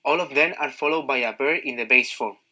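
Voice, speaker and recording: A man reading a scripted grammar lesson in a slow, measured way. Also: medium pitch, pushed and bright, low-quality recording.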